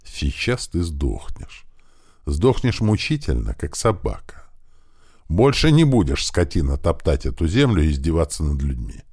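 Man doing a ruthless leader, curt commands, low voice, dry. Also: sing-song, measured pace, darkish tone, breathy edge, no echo, exaggerated voice. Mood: menacing. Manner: curt commands, cold threats. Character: hard, ruthless male squad leader.

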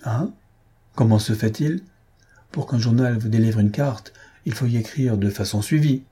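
Brief: male narrator doing a curt, distrustful magistrate, husky and mellow, clipped questioning. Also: medium pitch, normal speed, close to an everyday voice. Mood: stern. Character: stern middle-aged male investigating judge. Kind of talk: audiobook character reading.

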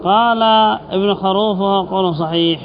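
A man teaching as a sheikh, reading a classical grammar text aloud, slowly repeating word forms and asking his students questions. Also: high-pitched. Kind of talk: classical text commentary lesson. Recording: dull lo-fi lecture recording with faint hiss.

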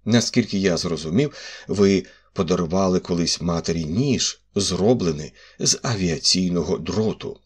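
A man voicing a fussy, sentimental older examining magistrate with a husky voice and an officious manner. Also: low voice, normal speed. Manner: indignant, then indulgent.

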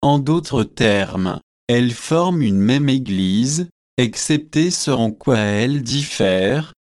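A man reading the lines of a skeptical, teasing young man in a storybook, slow and measured. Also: medium pitch, expressive, darkish tone, dry recording, clean studio sound.

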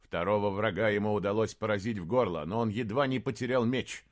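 A man narrating a fantasy audiobook in a steady, even reading voice. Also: fairly low pitch, fairly quick. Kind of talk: scripted narration.

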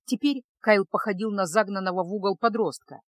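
A woman narrating a fantasy audiobook in an even, measured reading. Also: mid-range voice, no room sound, clean studio sound. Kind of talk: scripted narration.

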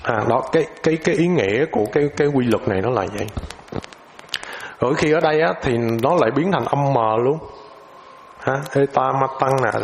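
A man explains a lesson in a loose, informal way. He hesitates often and repeats filler words while he searches for the next point. His voice sits at an ordinary middle pitch, with a faint hiss underneath. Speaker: teacher.

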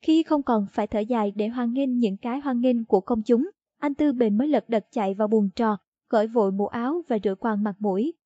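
A woman reading a short story aloud in a steady storytelling narration. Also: a little high, brisk, no echo. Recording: dull lo-fi dry audio.

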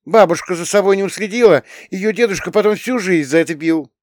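A man's voice: sits high, a little fast, darkish tone, no echo, studio quality, voice pushed up, close to an everyday voice. A man voicing a spirited teenage girl who talks bluntly and scolds with indignation. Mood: indignant.

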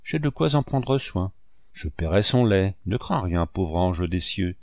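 A man's voice: low-pitched, lively intonation, a little slow, creaky, darkish tone, no room sound, exaggerated voice. A man voicing a devoted, outspoken female servant who speaks firmly and protectively, reading a French novel aloud. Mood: earnest. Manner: firm, protective, slightly scolding.

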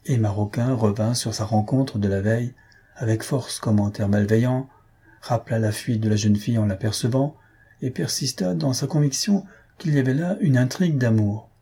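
A man reading a novel aloud with steady, measured storytelling. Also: mid-range voice, breathy edge. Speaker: reader.

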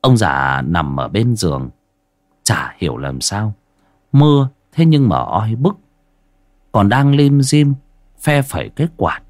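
A man narrating a horror story with dramatic, suspenseful pacing and sharp rises and drops. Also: lowish voice, sing-song, slow, long pauses, no room sound, clean studio sound.

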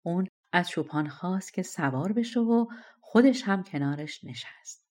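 A woman narrating a fairy-tale audiobook in an expressive storytelling manner. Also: on the low side.

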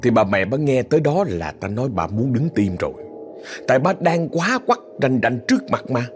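A ghost story narrator with a Southern Vietnamese accent tells a tale in a casual, chatty way, speaking directly to his listeners and throwing in indignant asides. His medium-pitched voice is very animated and moves at a normal speed over soft background music.

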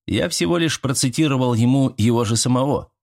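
A man's voice: medium pitch, brisk, creaky, pitched above the performer's own voice, close to an everyday voice. A man reading the lines of a modest, easygoing young man in an audiobook. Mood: relaxed. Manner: modest, relaxed.

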